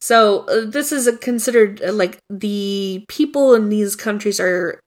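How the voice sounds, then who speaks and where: A woman's voice: medium pitch, unhurried. A woman co-hosting a casual chat podcast, rambling with many fillers and restarts. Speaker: podcast co-host.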